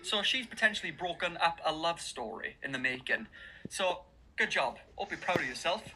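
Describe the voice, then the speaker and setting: Ranting man, bright and animated. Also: on the high side, moderate pace, a little hiss or hum, rough recording. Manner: mocking, ranting, addresses "ladies and gentlemen". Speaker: commentary video narrator. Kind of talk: opinionated commentary.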